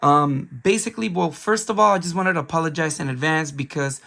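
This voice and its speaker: A man's voice: a little high, a little fast, vocal fry, a bit bright. A young man hosting a casual game-haul vlog, his voice worn from a cold, rambling with lots of fillers. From Bay Area, California. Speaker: video game collector vlogger.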